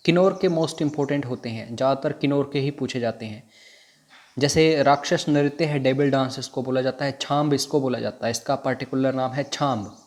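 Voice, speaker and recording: A man's voice: medium pitch, moderate pace, a little mellow. A man teaching an exam prep lesson, repeating which facts to memorize. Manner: repetitive, drilling what to memorize.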